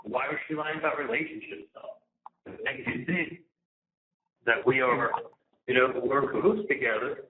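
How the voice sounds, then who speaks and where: A man's voice: mid-range voice, a little slow, phone-quality sound, background noise. Inmate calling from a prison phone: agitated, repetitive man on a thin, roomy line. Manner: agitated, indignant, repetitive, swearing. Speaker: inmate calling his mother. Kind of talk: phone conversation. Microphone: prison phone handset.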